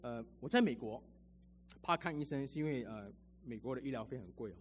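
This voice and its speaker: A man's voice: mid-range voice, animated, brisk, slight background noise. A man preaching a sermon as a pastor, telling personal stories in a chatty way with lots of sentence-final particles.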